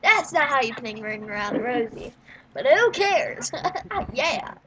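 A woman giving casual, rambling play-by-play commentary on a match, with quick sarcastic asides. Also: a little high, expressive, background noise. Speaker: gameplay commentator.

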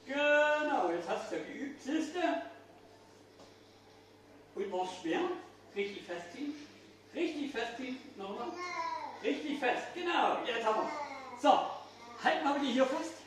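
High, animated older male kids' party magician. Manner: kids party magician, playful questions and exclamations to children. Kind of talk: children's magic show patter. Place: indoors, small restaurant-like room. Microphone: distant phone camera in the audience. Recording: echoey room, far from mic, faint noise.

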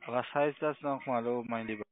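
Heard through a muffled, narrow, tinny phone line, this man speaks at normal speed in a steady, mid-range voice with no room sound. He's a scam call centre caller, not a native German speaker, crude and taunting in broken phrases during a confrontational argument.

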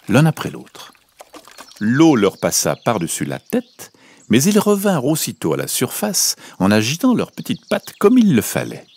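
A man narrating a children's story, slow and melodic. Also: on the low side.

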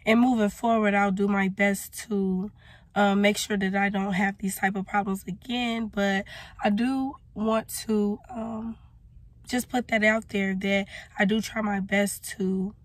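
In a casual vlog shot close up on her phone from a parked car, a young small business owner with a hoarse, mid-range voice defends and explains herself while gesturing with her hand. She is recovering from having lost her voice, and the recording has no echo.

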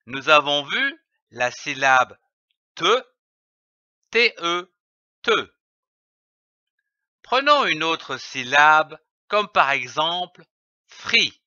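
A man teaching children to read, spelling out letters and syllables slowly and stressing each sound, on a dull, lo-fi recording. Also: a little high, big pitch swings, sharp tone, no room sound. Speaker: reading teacher. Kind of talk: slow, carefully enunciated reading lesson.

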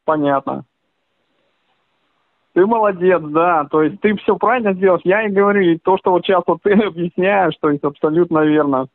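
High-voiced male caller on a phone line. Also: moderate pace, no room sound. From Russia. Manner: agreeable, rambling, many hedging filler phrases. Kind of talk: casual phone conversation. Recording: tinny, dry phone line.

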